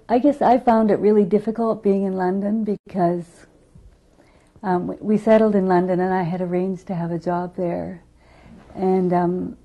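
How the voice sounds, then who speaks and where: A woman from Ontario, recalling her upbringing slowly and reflectively in an interview. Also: mid-range voice, lo-fi sound. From Ontario, Canada. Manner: slow, reflective. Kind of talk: candid interview recollection.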